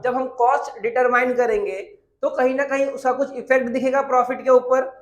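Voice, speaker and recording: A man with a very high, slightly bright voice teaches a commerce class at a whiteboard, speaking Hindi mixed with terms. He poses questions and answers them himself, repeating every key point, in an echoey room.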